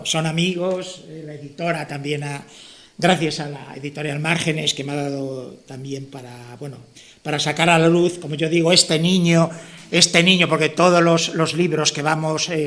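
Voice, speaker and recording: Male author from La Mancha, fairly high voice, loose rambling delivery full of restarts and tag questions. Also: fairly even intonation, moderate pace, fairly bright tone. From La Mancha, Spain. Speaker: author presenting his novel. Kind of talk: informal speech at a book presentation.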